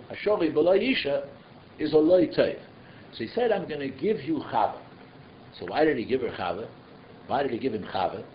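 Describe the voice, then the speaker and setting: A man with giving an informal religious class, asking rhetorical questions and slipping in conversational asides. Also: mid-range voice. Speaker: rabbi giving a Torah class. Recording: echoey, muffled room recording with noise.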